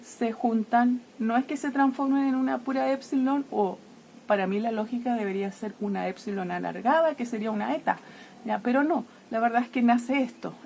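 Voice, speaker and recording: A woman teacher explaining grammar to her students, checking in constantly with a quick "¿ya?" and playfully treating letters as if they fight and die. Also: a little high, creaky, warm tone, slight background noise. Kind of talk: explaining Greek grammar lesson.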